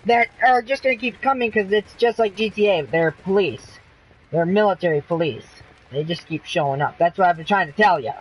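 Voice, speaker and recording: A man's voice: high-pitched, expressive, brisk, breathy edge, low-quality recording. A man chatting over a headset during a co-op shooter game, ranting and swearing in frustration at his teammates. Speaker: gamer streaming co-op play. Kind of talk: casual gaming chat.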